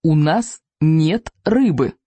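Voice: mid-range voice, animated, slow pace, mellow, breathy edge, no echo. Anxious viking kid, grumbles and mutters, pretty plain voice, narrator reading him. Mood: grumbling. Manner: grumbling, strained. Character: anxious young Viking boy. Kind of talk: audiobook reading.

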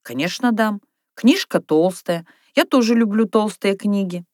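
A woman reading aloud, voicing a lively young girl who dreams of being an artist. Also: mid-range voice, measured pace, no echo, studio quality, voice pushed up, close to an everyday voice. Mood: eager. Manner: eager, bright, storytelling.

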